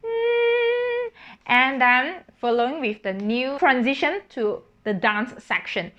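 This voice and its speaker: With faint music behind her and the highs cut off, a singer-composer speaks expressively and unhurriedly in a slightly high voice about how she wrote her piece. Her casual explanation is a stream of thought with fillers and self-corrections, punctuated by sung solfège syllables.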